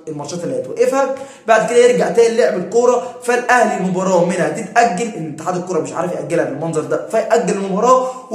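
A man with an Egyptian accent hosting a casual football opinion vlog, arguing his point with rapid repeated phrases. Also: on the high side, a little mellow, reverberant. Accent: Egyptian Arabic. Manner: rapid, repetitive, argumentative. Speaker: football commentator and channel host.

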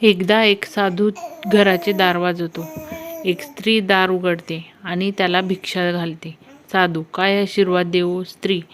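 A woman reading out a string of short jokes, acting out each character's line in turn. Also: on the low side. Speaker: joke reader. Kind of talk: reading Marathi jokes aloud.

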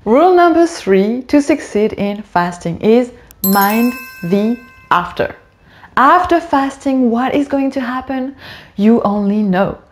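A woman's voice: on the high side, expressive, takes it slowly. A woman hosting a wellness video, giving casual, direct advice straight to the viewer. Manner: friendly, direct, addresses the viewer. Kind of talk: casual instructional monologue.

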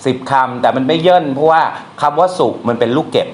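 A man's voice: mid-range voice, quick pace. Blunt, slangy male teacher in a roomy space. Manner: blunt and colloquial, with slang and crude words; recites verse aloud. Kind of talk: casual lecture on Thai poetry. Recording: echoey room, faint noise.

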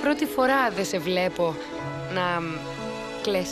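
A woman dubbing a caring teenage schoolgirl who keeps trying to calm her friends down. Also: on the low side, music in the background, natural voice. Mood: concerned. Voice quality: pleading, earnest. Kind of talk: dubbed TV drama.

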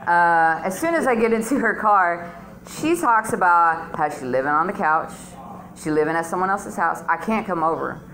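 A middle-aged comedian works an open mic in a small, dim indoor club, delivering crude, slangy stories like casual conversation into a handheld stage mic. A phone films her from close below. Her fairly low, fairly bright voice has lively intonation at normal speed, and the audio is poor.

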